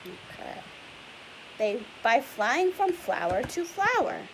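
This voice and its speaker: Her voice high and swinging widely in pitch, a young woman teacher reads a picture book to children at a slow pace. She explains chattily and pauses frequently for questions. It's a rough recording with a faint hiss.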